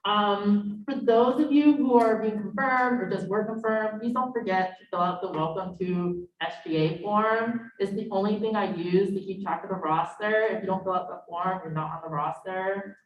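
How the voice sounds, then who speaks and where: Energetic young woman, echoey distant room. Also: medium pitch, moderate pace, dull audio. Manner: energetic, filler-heavy with "like" and "um". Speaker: student government director. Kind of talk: meeting announcements.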